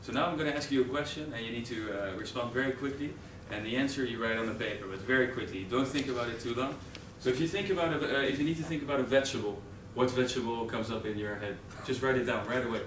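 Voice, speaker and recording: A hesitant Dutch man, a presenter in a training course, gives a live classroom presentation to an audience in a training room. His medium-pitched voice moves quickly with few pauses, and he uses many fillers and restarts. The audio is roomy and noisy, from a distant camera.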